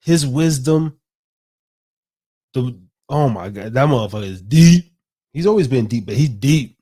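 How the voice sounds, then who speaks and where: Rambling excitable man on a late-night podcast. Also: medium pitch, a little slow. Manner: rambling, excitable, swears freely, says bro a lot. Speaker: podcast host. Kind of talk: late-night casual chat.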